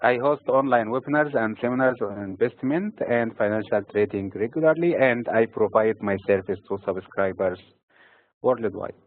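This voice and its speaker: A man from Egypt giving scripted financial market commentary in a steady, formal delivery. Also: on the low side, moderate pace, dry recording. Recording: tinny phone-like recording.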